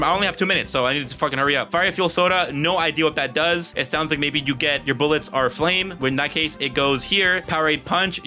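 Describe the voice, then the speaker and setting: A man's voice: on the high side, bright, forceful tone. A man giving casual, rambling gameplay commentary as he ranks items, joking and swearing often. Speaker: gaming video creator. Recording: faint guitar music behind.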